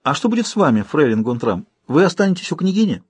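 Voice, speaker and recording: A man's voice: a little high, sing-song, fast talker, husky, dry recording, voice pushed up. A man reading an audiobook, voicing a proud, mocking young woman with a haughty, sweetly teasing manner. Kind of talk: audiobook character voice.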